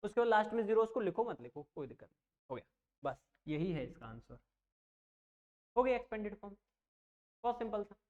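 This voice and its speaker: Heard through a muffled recording, a coaching teacher with a high, very animated voice runs an online math class. Slow and reassuring, he repeats numbers aloud, checks understanding at every step and keeps things simple.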